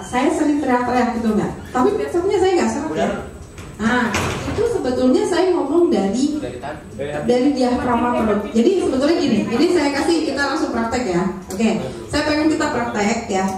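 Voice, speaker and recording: A woman running a live public speaking training, energetically asking her audience for agreement. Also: sits high. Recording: echoey room, speaker far from the mic.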